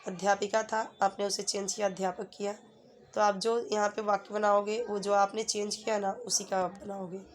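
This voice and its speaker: Woman tutor, flat even delivery, patient and repetitive, faint room noise. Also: medium pitch, normal speed. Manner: patient, repeats "ठीक है" often, gives everyday example sentences. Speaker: teacher. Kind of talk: explaining a Hindi workbook lesson to students.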